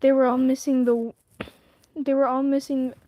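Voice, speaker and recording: A woman's voice: high voice, level tone, normal speed, dark tone, no room sound. A woman streaming herself reading a novel aloud. She stumbles over words and stops to comment on the story. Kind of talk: casual read-aloud on a livestream.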